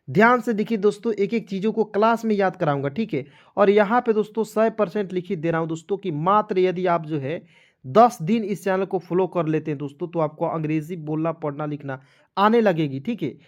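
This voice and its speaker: A man from India teaching English pronunciation, spelling words out slowly, letter by letter, and repeating them. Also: sits high, a little mellow, dull audio. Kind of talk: classroom-style phonics lesson.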